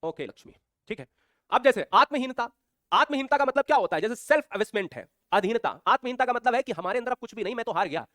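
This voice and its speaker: A man teaching a live online class in mixed speech, lively and teasing, calling out viewers by name as he explains. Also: very high-pitched, fast, dry recording, clean studio sound.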